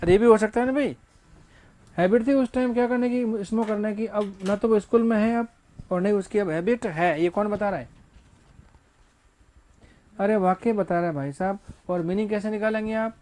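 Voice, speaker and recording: This male English teacher has a high, darkish voice, speaks at normal speed, and leaves long pauses. Lecturing on grammar in class, he raises rhetorical questions, answers them himself, and tosses in casual jokes.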